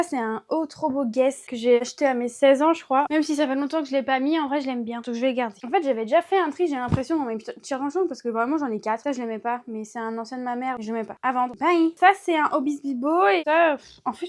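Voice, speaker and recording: A young woman chatting casually to camera as a vlogger, self-mocking and thinking aloud. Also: high-pitched. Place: bedroom by her wardrobe.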